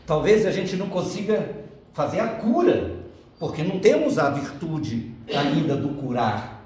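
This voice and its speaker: A man's voice: on the high side, big pitch swings, a little slow, darkish tone. A middle-aged man giving a spiritist lecture, chatty and playful, moving between earnest teaching and joking asides. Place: lecture hall. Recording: echoey hall from far off, faint background noise.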